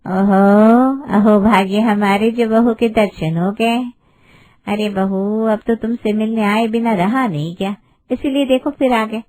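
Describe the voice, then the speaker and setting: A woman's voice: fairly high pitch, animated, normal speed, a little mellow. Cartoon auntie, middle-aged busybody, sweet-talking but prying, performed by a woman. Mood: sugary. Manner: sugary, teasing and prying.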